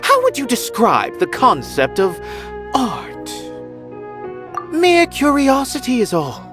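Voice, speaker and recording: Aloof, condescending art philosopher. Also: female voice, high-pitched, huge pitch swings, slow, over music, exaggerated voice. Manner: haughty, cerebral, detached. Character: aloof, condescending theater onlooker musing on art. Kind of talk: video game voice acting.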